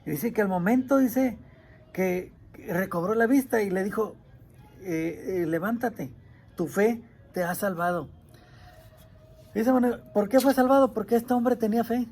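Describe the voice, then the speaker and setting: Male pastor, sermon, husky voice, earnest preaching. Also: sits high, moderate pace, a little mellow. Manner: earnest preaching, cries out quoted pleas.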